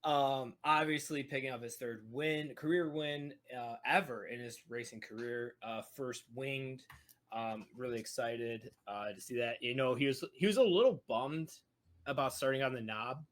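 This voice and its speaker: A man's voice: medium pitch, normal speed. Laughing, jokey podcast co-host guy. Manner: loose and jokey, laughs often, quotes others in animated voices. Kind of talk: casual chat.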